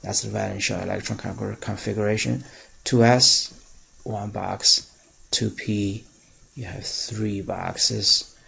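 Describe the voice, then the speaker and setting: A man teaching chemistry in a recorded lecture, explaining step by step with pauses and fillers and stressing key words. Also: lowish voice, fairly even intonation, bright, forceful tone, rough recording. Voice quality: very gravelly and raspy.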